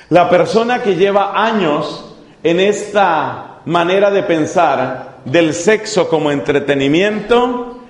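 A man preaching a sermon, speaking deliberately and repeating key phrases for emphasis. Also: a little high. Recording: echoey hall, long reverb.

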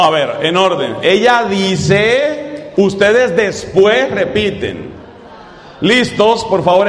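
A man preaching a sermon to a live congregation, emphatic and repeating phrases slowly for effect. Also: high voice, fairly bright tone. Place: large church hall with audience. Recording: echoey hall with crowd noise.

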